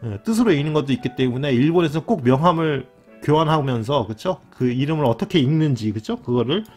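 A man gives a relaxed explanatory lesson, repeating his key words and often pausing to ask "right?". His pitch rises and falls in a lively, animated way. Soft guitar music plays faintly behind him. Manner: repeats key words, constant tag questions. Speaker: lecturer on a channel.

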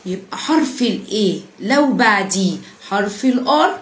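A young Egyptian woman teaching English pronunciation to children, drilling sounds slowly and praising cheerfully. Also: mid-range voice, lively intonation, slightly rough. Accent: Egyptian Arabic. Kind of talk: phonics lesson for children.

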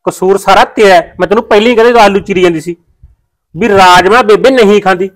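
A village husband tries to calm his family and lectures them, played by a man. His voice is fairly high and his speech is quick. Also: natural voice. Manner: lecturing, pleading, persuasive. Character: village husband and son, peacemaker.

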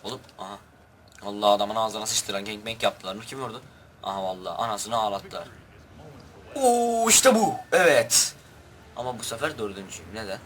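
A man's voice: lowish voice, steady tone, quick pace, noisy background. A young man giving rowdy, crude commentary over his own gameplay and barking orders at his troops. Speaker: gaming youtuber.

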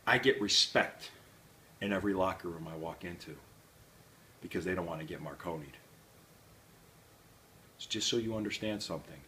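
A middle-aged man delivering a wrestling promo as a pro wrestler, boastful and confrontational, with emphatic pauses. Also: sits low, pushed and bright. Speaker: professional wrestler. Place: small plain indoor room with a banner. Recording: faint background room noise.

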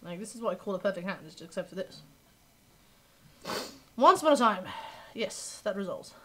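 A woman streamer giving animated, exasperated running commentary while playing a card game live, with sing-song thanks to followers. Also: medium pitch, fast, poor audio.

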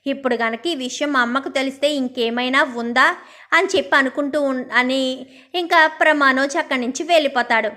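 A woman's voice: high voice, a little fast, pushed and bright. A woman casually retelling a serial episode, narrating and quoting each character in her own voice. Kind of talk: casual spoken story recap.

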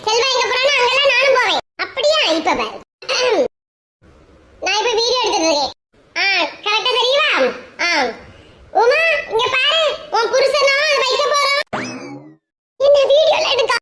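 A brash, scolding woman with a Kanyakumari Tamil accent, acting out a comic family skit in a very high, shrill voice. She talks in a lively, teasing, chiding way. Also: a little hiss or hum. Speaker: comedy skit creator.

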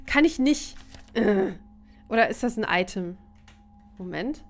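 Woman let's player, relaxed thinking-aloud gameplay chat, slightly high voice. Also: unhurried. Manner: thinks aloud, searches for words. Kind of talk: casual gameplay commentary.

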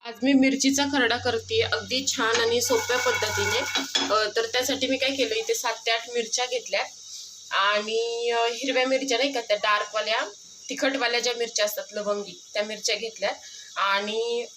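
A woman's voice: on the high side, fairly even intonation, normal speed. A woman vlogging casually at home, rambling with fillers and self-corrections. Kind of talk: casual home vlog chat. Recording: noisy home recording.

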